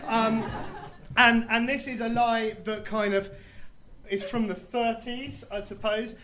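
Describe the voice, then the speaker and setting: A man's voice: extremely high pitch, flat delivery, slow pace, bright, forceful tone, reverberant, a little hiss or hum. A man telling a story on a comedy stage in a rambling, self-deprecating way, with many fillers. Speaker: comedy musician.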